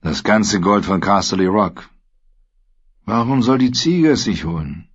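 A proud, cynical captive knight speaks in a dry, sardonic tone, quiet and low, as a male narrator plays him. The voice is husky, and the recording is dull and lo-fi. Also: animated, measured pace.

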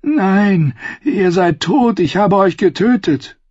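A man's voice: low-pitched, brisk, slightly rough, no echo, highs cut off. A man reading a story aloud, voicing a feverish, wounded female knight who cries out in pleading bursts.

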